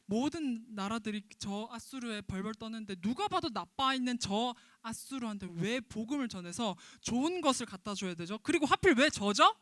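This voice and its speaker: An indignant prophet played by a woman wails his loud, whiny protests in a dramatized Bible story for children. The tone is bright and sharp, and the sound is close and dry with no room around it. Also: fairly high pitch, animated, normal speed, few pauses, dry recording. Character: indignant, sulking male prophet Jonah.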